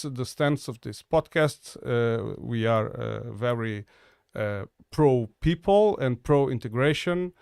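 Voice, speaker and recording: A man's voice: medium pitch, creaky, darkish tone, clear, resonant tone, dry recording, clean studio sound. Hesitant man hosting a podcast. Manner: hesitant, many uh fillers and restarts. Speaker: podcast host. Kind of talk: casual interview talk.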